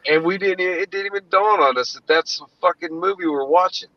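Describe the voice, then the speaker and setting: A man with a high-sitting voice talks quickly in a rambling, casual chat full of swearing. He's indoors on an online call, and the lo-fi recording sounds a little dull.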